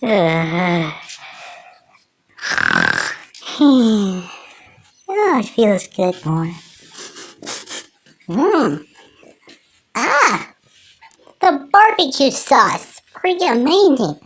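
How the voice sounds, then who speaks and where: An amateur performer voicing a mischievous, excitable cartoon woodpecker, rambling and exclaiming with drawn-out words. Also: mid-range voice, heavily acted. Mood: gleeful, hungry. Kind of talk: amateur cartoon character impression.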